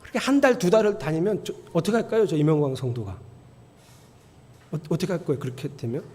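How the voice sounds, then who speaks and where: A middle-aged male pastor preaching in a high, very expressive voice that swoops up and down. He tells stories in an animated way and pushes his appeals toward near-shouts. The sound carries a long reverb from a church hall. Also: fast. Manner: animated storytelling, rising to emphatic near-shouting. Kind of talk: sermon. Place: church sanctuary.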